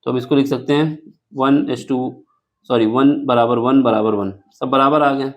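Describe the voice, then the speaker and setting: A man's voice: medium pitch, steady tone, unhurried, highs cut off. A man teaching a board-exam math lesson step by step, asking questions and answering them himself. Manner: asks rhetorical questions and answers them, self-correcting aloud.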